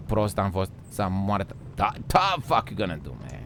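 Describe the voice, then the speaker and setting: A Romanian man streaming a game live, joking loudly, swearing and calling his viewers "frate", often breaking into shouts and laughs. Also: fairly low pitch, very animated, gravelly, a little hiss or hum. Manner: swears and says "frate" a lot. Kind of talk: live gaming stream chat.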